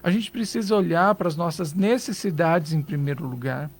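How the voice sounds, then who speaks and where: A man's voice: fairly high pitch, fairly quick, creaky, breathy edge. A man with a Brazilian accent, a psychologist guest on a radio show, giving earnest advice and asking rhetorical questions. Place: radio studio.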